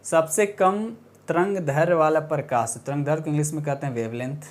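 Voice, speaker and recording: A man walks through science quiz questions in a casual tutoring style. His voice sits a little high, and he keeps looping back with quick rhetorical questions and self-corrections. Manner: repetitive, checks in often with rhetorical questions. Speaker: science teacher. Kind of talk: casual exam-prep lesson.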